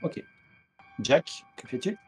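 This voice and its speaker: A man's voice: slow, darkish tone, soft background music. A man narrating a tabletop horror game as game master over a video call, with many hesitant fillers. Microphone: headset on a video call.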